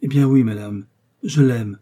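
A man's voice: medium pitch, brisk, mellow, husky, natural voice. A man voicing an eager young novice. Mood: pleading. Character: earnest, trusting young woman, a novice in a convent.

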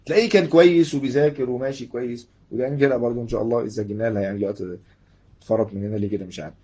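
Husky-voiced Egyptian male lecturer, rattles through a religious lesson at high speed, chatty and animated. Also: very fast. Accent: Egyptian Arabic. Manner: conversational, animated, acts out little dialogues. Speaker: Islamic lecturer. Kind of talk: religious lecture in colloquial speech.

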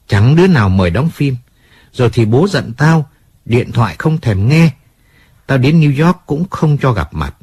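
A man's voice: medium pitch, a little mellow, breathy edge, dry recording. A man voicing a hot-tempered, self-pitying male singer in an audiobook, swearing and then apologizing.

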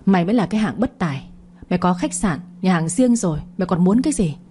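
A woman's voice: lowish voice, animated, quick pace, husky. A woman voicing a scheming cruel stepmother. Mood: furious. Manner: quietly spiteful, cutting.

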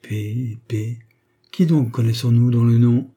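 Man doing a fussy greedy husband, stammering, gets cranky fast. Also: mid-range voice, steady tone, mellow. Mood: irritated. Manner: hesitant, stammering, then blustering. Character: greedy, flustered bourgeois husband.

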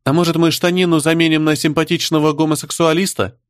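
A man's voice: on the high side, little pitch movement, quick pace, no room sound, studio quality, voice pushed up, natural voice. A man voicing a sulky, snide young woman, the spoiled daughter, in an audiobook reading. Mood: pouty. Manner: pouty and snide.

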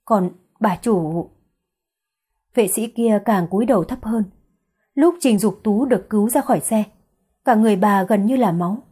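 A woman narrating a romance novel as an audiobook in a steady, expressive way. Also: mid-range voice, brisk, breathy edge.

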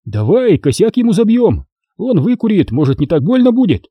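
Man doing a calm, easygoing young soldier. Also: sits high, normal speed, no room sound, muffled recording, voice pushed up. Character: calm young male soldier, offers easy fixes. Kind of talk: audiobook reading.

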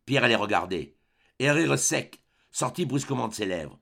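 A man narrates a classic novel in a measured, expressive way, his voice mid-pitched with a gravelly texture. His intonation rises and falls widely across each sentence. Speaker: audiobook reader. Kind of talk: literary audiobook narration.

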